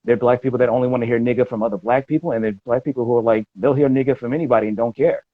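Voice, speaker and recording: A man's voice: medium pitch, fairly even intonation, racing, dry recording. A man speaking in a casual conversation as a guest, discursive and arguing his point at length. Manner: discursive, argumentative. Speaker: podcast guest. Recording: dull dry audio.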